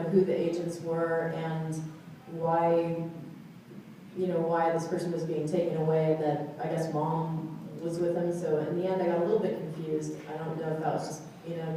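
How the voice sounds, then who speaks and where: Brief: a low, mellow-voiced female agent, halting remarks, distant mic. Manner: hesitant, lots of fillers. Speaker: literary agent on a panel. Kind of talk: panel discussion. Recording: echoey room, distant mic, faint noise.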